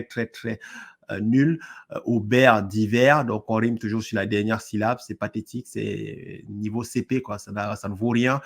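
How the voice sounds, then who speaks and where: Scornful low-voiced man reviewing lyrics. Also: creaky. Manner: scornful, sarcastic, leans on "n'est-ce pas" and hesitant fillers. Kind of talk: critical spoken review.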